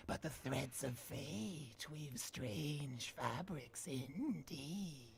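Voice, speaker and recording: Sly old woman, game character, hushed whispery delivery, slow, gravelly creak, cryptic. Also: low voice, animated, crowd noise, full character voice. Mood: sly, secretive. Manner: hushed, breathy half-whispered, insinuating delivery. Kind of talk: theatrical video game character acting.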